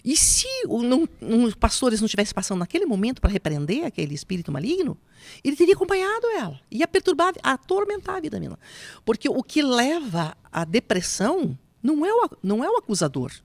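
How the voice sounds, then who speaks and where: A woman telling an emotional personal testimony, slipping into soft whispers and a preaching tone. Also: a little high, sing-song, quick pace, dry recording. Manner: emotional, drops to soft whispers when recounting quotes; preaching tone on spiritual points. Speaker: guest giving testimony.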